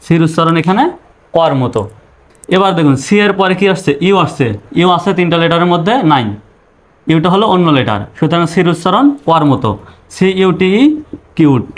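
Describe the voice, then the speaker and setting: Male teacher with a fairly high voice, talking through spellings step by step. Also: expressive, brisk. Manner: spells words letter by letter, asks and answers his own questions. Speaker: English reading teacher.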